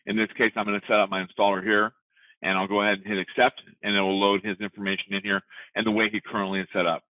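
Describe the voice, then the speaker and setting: A man giving a casual, step-by-step software walkthrough in a webinar. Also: on the low side, flat delivery, quick pace, dry recording, phone-quality sound. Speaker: software trainer.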